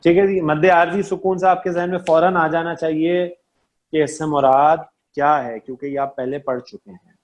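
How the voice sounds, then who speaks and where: A man's voice: a little high, fairly even intonation, normal speed. A man teaching an online class, patient, repeating key terms and checking often that his students understand.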